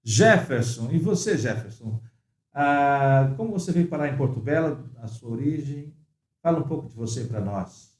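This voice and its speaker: Podcast host, man, mid-pitched and easygoing, echoey room sound. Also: normal speed. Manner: friendly, relaxed interviewer. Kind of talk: casual chat.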